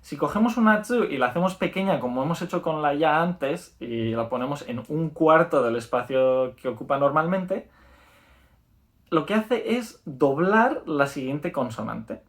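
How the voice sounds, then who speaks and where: A man's voice: on the high side, lively intonation, a bit bright. Upbeat Spanish man teaching a lesson. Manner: explanatory, repeats words slowly and checks in with "¿vale?". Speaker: language teacher. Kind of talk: video lesson.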